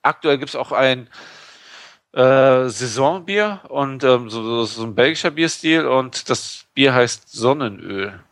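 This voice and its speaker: A man's voice: medium pitch, expressive, slow pace, fairly bright tone, dry recording. Chatty man, dry close sound. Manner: chatty, joking, full of fillers. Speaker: podcast co-host. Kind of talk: casual chat.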